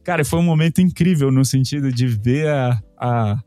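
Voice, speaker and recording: A man's voice: mid-range voice, normal speed, mellow, no echo, faint music behind. A Brazilian man in his thirties, a podcast co-host telling an emotional family story with many restarts and repeats. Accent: Brazilian Portuguese.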